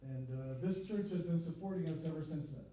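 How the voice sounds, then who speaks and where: A middle-aged man from Connecticut, a visiting missionary speaking to a church in short halting phrases with many fillers, pausing for an interpreter. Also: fairly high pitch, dark tone, husky, low-quality recording. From Connecticut, USA. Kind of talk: church talk with live interpretation. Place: church service.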